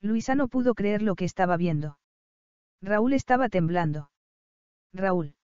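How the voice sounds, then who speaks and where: A woman reads an audiobook in a calm, even way, with a warm, mellow tone. Her voice is smooth and dry, close on the mic. The recording sounds dull and lo-fi. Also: medium pitch, normal speed, dry recording. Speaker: audiobook narrator. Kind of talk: scripted narration.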